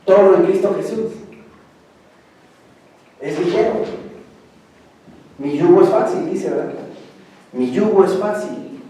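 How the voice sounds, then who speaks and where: A man's voice: high voice, takes it slowly, long pauses, warm tone, very echoey, distant mic, rough recording. A man preaching a sermon as pastor, pressing his points with repeated phrases and rising emphasis. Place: church.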